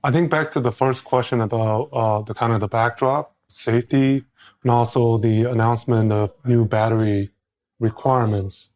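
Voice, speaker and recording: A man co-hosts a casual roundtable talk. He leans hard on the words he wants to stress and pauses with hesitations in between. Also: mid-range voice, steady tone, a little mellow. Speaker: podcast co-host.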